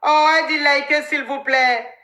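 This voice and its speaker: A woman runs a live advice stream in an animated, chatty way. Her voice is high and bright, and it sits in a noticeably echoey room. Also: moderate pace. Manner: animated, thanks viewers by name. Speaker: live-stream relationship coach.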